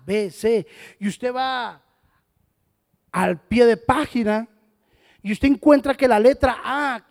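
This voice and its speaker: A pastor preaches with a strikingly high voice for a man, pressing his points and throwing rhetorical questions at the congregation. His words ring out with a long reverb in a church hall. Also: darkish tone. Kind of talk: sermon.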